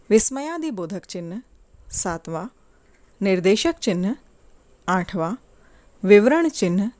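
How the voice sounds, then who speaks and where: A woman teaching a grammar lesson to children in a slow, deliberate, clearly paced way. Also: medium pitch, darkish tone, no room sound.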